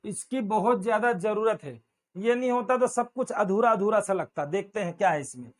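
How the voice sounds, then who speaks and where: A man's voice: high-pitched, moderate pace. A man teaching grammar in a classroom lecture, repeating words and quizzing his students. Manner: drills pronunciation by repeating words and asking the class.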